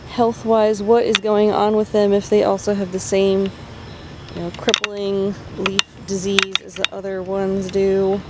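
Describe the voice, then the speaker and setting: A woman vlogger with a medium-pitched voice gives a casual walking tour of her backyard vegetable garden, chatting as she points out each plant in turn. She films outdoors on a handheld phone camera while walking, and the audio is very noisy.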